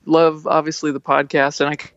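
A woman's voice: low voice, flat delivery, fairly quick, no room sound. A woman calling in to a show, chatting casually while her cell phone line keeps breaking up. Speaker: caller. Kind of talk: casual call-in chat. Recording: lo-fi phone call, cutting out.

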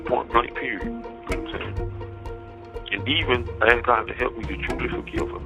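A man's voice: mid-range voice, normal speed, vocal fry. A man talking on a prison payphone call, rambling and preachy, quoting scripture and turning heated and accusing. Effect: prison payphone line. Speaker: inmate on a prison phone call. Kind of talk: rambling phone talk. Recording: tinny phone line with music behind. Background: music.

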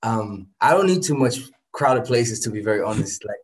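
Man, halting speech. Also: mid-range voice, poor audio. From Germany. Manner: hesitant, relaxed, many ums. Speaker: guest artist. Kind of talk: interview answers.

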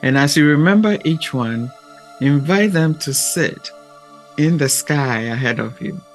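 A man speaking in a gentle, measured and deliberate way, with long pauses, as he hosts a reflective talk and guided meditation. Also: a little high, expressive, soft background music. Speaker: podcast host and meditation guide.

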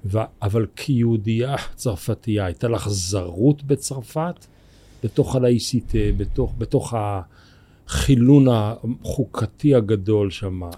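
A man's voice: fairly low pitch, warm tone, husky. A man, interviewing conversationally as a podcast host.

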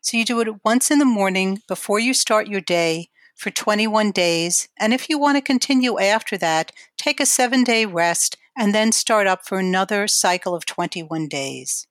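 A woman giving guided imagery exercises in a calm, measured, instructional way. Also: medium pitch, dry recording.

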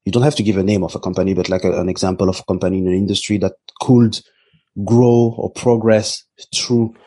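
A man's voice: sits low, fairly even intonation, brisk, dark tone. A man hosting a podcast interview, hesitant with many fillers. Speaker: podcast host. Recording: dry with faint music.

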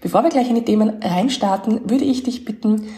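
A woman's voice: a little high, brisk, warm tone. A woman hosting a fitness podcast, asking a guest questions in a chatty, friendly way. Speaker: podcast host. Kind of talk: podcast interview.

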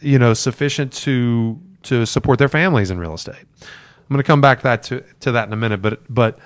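A man's voice: mid-range voice, fairly quick, no echo. Middle-aged man coaching new agents live. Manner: conversational, emphatic, repeats key points. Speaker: real estate team leader and mentor. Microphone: camera for a livestream.

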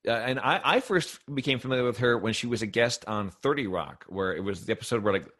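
A man's voice: mid-range voice, expressive, fast talker, a bit bright. A man in his thirties co-hosting a casual podcast about a cartoon, talking loosely with lots of "like" and fillers. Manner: loose, filler-heavy talk with frequent "like". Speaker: podcast co-host.

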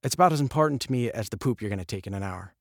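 A man's voice: on the low side, animated, very fast, gravelly, no room sound, studio quality. A man recording an audio drama, flubbing lines, joking and ad-libbing between takes. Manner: joking, breaks into laughter, ad-libs. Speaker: voice actor.

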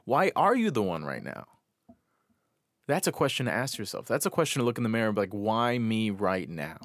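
An American man hosting a podcast alone from a small bedroom closet, speaking reflectively and earnestly in halting short phrases. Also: mid-range voice, wildly swooping pitch, dry recording. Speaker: podcast host. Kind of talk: reflective solo podcast monologue. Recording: close, dry closet recording.

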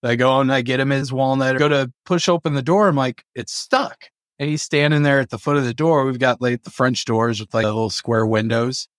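A man's voice: mid-range voice, fairly quick, hardly any pauses, no room sound, clean studio sound. A man who keeps parrots chatting casually in a group and acting out little quotes as he tells stories. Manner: animated storyteller, acts out quotes. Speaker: parrot owner.

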